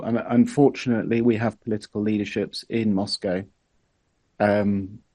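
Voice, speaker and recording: Guy on a video call, low warm voice, earnest and measured. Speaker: invited speaker.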